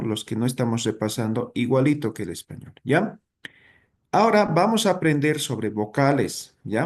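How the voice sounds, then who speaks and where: A man's voice: medium pitch, a little mellow. A man teaching a language class, patient, often checking in with his students.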